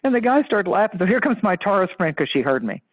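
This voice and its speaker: A woman psychic tells a story as a guest, lively and emphatic, breaking into laughs mid-sentence. Her voice comes through a narrow, tinny phone line. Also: mid-range voice, fast talker, slightly rough. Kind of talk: animated anecdote-telling in casual chat. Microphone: phone or call line.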